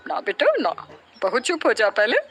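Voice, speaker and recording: A woman's voice: on the high side, expressive, moderate pace, fairly bright tone, slightly rough. A woman voicing a kind older mother-in-law in a cartoon story, soothing and motherly. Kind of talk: cartoon voice acting.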